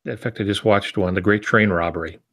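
Over wired earbuds on a home-office video call, an American writing teacher and podcast co-host in his sixties teaches loosely with asides. His voice is fairly low and fairly bright, his tone steady, and his pace a little fast.

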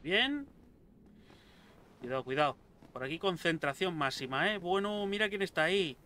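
A young man giving casual let's-play commentary, excitable, swearing a lot and talking back to enemies on screen. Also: sits high, normal speed, a little hiss or hum. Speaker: gameplay streamer.

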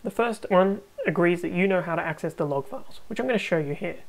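A woman hosting a tech tutorial, narrating a screen recording with calm, step-by-step instructions. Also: fairly low pitch, fast talker, rough recording.

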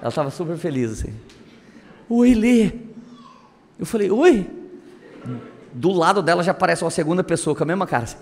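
A male pastor delivering a sermon through lively, humorous storytelling. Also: on the high side, rapid-fire, hardly any pauses, in a large hall. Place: church auditorium.

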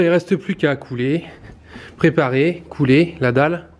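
His voice is fairly high and a little mellow, with slight hiss or hum, as this man in his thirties walks through his indoor stone-basement renovation. Filming on a handheld camera held close to his face, the vlogger explains casually, stumbling through many fillers and restarts.

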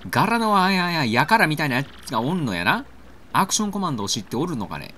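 A man's voice: fairly high pitch, very animated, fast talker, bright, forceful tone, a little hiss or hum. A man voicing a pompous old male scholar who talks in a stiff, archaic way like a samurai lord. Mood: lecturing.

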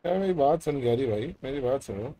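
A man's voice: mid-range voice, animated, a little fast, warm tone, a little hiss or hum. A man from India streaming a police role-play game, giving orders in casual banter with crude swearing.

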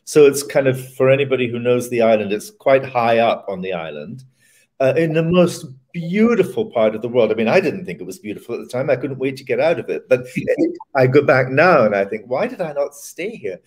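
An older man speaks from his home over a webcam. His talk is relaxed and reflective, with a wry chuckle now and then, like a guest being interviewed. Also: medium pitch, fairly quick. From Scotland. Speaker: theatre director guest. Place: home room indoors. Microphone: webcam on video call.

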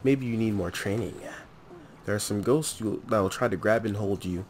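A man's voice: lowish voice, moderate pace, faint music behind, lightly acted. A man reading out an old male eccentric ghost-hunting professor's lines in a mild put-on voice during a let's play. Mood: advising.

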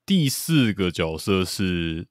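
Deep-voiced man chatting loosely. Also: sing-song, slow pace, no room sound, studio quality. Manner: loose, rambling, many fillers and repeated agreement. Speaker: podcast co-host. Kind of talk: casual chat about a TV series.

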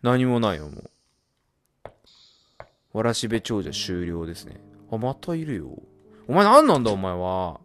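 A man doing horror game commentary, muttering and reading game text aloud, then bursting into loud startled yelps. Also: sits low, expressive, a little slow, pauses often, soft background music. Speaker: let's play gamer.

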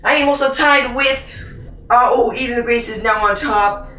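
Bright-voiced woman joking through VR game commentary. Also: fairly high pitch, normal speed, reverberant, distant mic. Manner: jokey, rambling, plays announcer to herself. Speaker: gaming channel host. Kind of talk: playful gameplay commentary. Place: indoors, playing a VR game.

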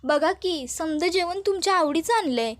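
A woman's voice: extremely high pitch, expressive, moderate pace, pitched above the performer's own voice. A woman voicing a fussy village woman coaxing another to eat, in rural dialect.

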